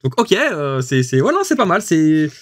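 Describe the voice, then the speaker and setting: A man hosting a casual product review, chatty and quick to laugh, with lots of fillers. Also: fairly high pitch, very animated, dry recording. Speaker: host testing equipment.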